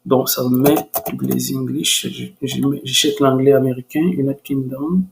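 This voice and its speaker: A man hosting a screen-recorded software tutorial, hesitant and full of restarts, growing enthusiastic. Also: mid-range voice, fairly even intonation, unhurried, vocal fry, noisy background. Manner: hesitant, many restarts and fillers.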